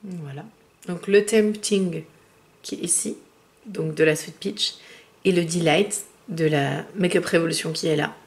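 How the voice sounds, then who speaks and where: A chatty woman with a slightly low-pitched voice talks through a makeup palette comparison. She swatches each shade and slows down to name it, with the odd filler in between. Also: fairly even intonation. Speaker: beauty vlogger.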